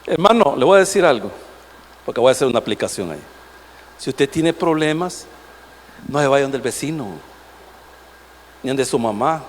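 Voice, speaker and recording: A man's voice: medium pitch, lively intonation, moderate pace, long pauses, slight background noise. A male pastor, preaching a sermon with rhetorical questions aimed at the congregation. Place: church sanctuary. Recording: long hall reverb.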